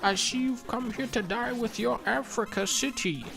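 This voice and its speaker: A man's voice: extremely high pitch, moderate pace, vocal fry, fairly bright tone, soft background music, voice pushed up, full character voice. A man voicing a boastful, smug male villain in a hammy, over-the-top way. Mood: gloating.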